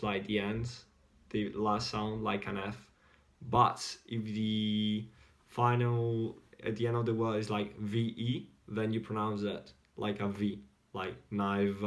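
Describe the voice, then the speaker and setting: Man, Spanish accent, casual teaching, flat delivery, slow and deliberate. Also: fairly low pitch. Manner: relaxed, repeats example words slowly. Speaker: English teacher. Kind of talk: casual language lesson.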